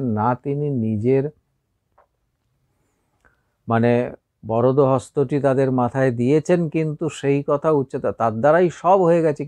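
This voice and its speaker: Man, Bengali accent, religious speaker. Gravelly, mellow tone, dry close sound, unhurried and halting delivery. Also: medium pitch, no echo. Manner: unhurried, with frequent pauses and fillers. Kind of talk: spiritual discourse.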